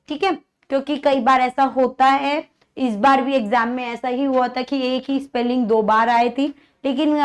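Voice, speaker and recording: A young Indian woman teaching an English exam-prep lesson to children, drawing out example sentences and checking understanding with repeated questions. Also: sits high. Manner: slow, drawn-out reading of example sentences; repeats "thik hai" often, coaxing questions to the class.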